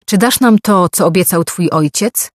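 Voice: mid-range voice, moderate pace, no room sound, clean studio sound, natural voice. A reader voicing a haughty, hostile woman elder who speaks curtly and indignantly. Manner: curt, indignant.

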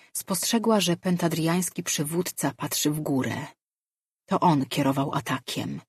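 A woman reads a fantasy audiobook in a measured, steady storytelling voice. Her tone is low and husky, recorded close and dry with no room sound. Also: dry recording. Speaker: audiobook narrator. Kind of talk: scripted fantasy narration.

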